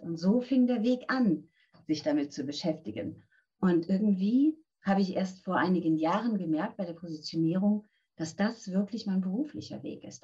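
A woman's voice: lowish voice, a little mellow, muffled recording. A woman in her fifties, a voice coach, answering interview questions in an earnest, direct way and giving practical tips. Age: 50s. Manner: earnest, direct, addresses listener with instructions.

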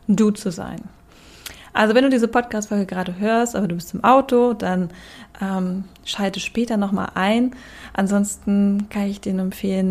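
A woman's voice: medium pitch, vocal fry, a little mellow. A woman talking casually as a podcast host.

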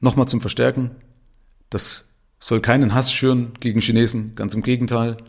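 Gravelly-voiced man in his fifties. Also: medium pitch, little pitch movement, normal speed. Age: 50s. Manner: emphatic, conversational, frequent tag questions. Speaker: podcast host. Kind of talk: casual monologue podcast.

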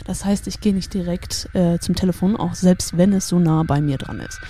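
A young woman casually telling a spooky personal story, lively and full of fillers and laughs. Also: fairly low pitch, moderate pace, slight background noise.

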